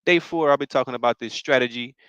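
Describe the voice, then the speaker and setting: A man's voice: mid-range voice, fast talker, a bit bright, clean tone, no room sound, dull audio. Young man from Mississippi, casual encouraging workshop host, repeats himself, dry close sound. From Mississippi, United States. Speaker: financial workshop presenter. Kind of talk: live-streamed financial workshop talk.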